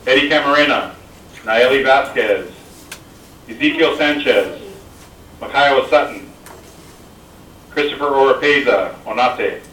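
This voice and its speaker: A man's voice: mid-range voice, unhurried, long pauses, far from the mic. A man making a school intercom announcement, politely and steadily reading out a list of names as a staff member. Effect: school intercom loudspeaker. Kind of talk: public address announcement. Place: classroom, voice from a wall speaker. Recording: echoey loudspeaker heard from across a classroom, faint hiss.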